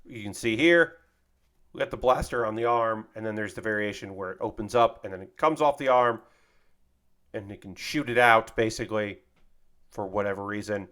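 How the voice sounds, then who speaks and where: This man's voice is fairly low and a bit bright, and he talks at a moderate pace. He's chatting casually on a livestream while putting together a model kit, sounding tired and slightly worn. His manner is loose and profane, full of fillers.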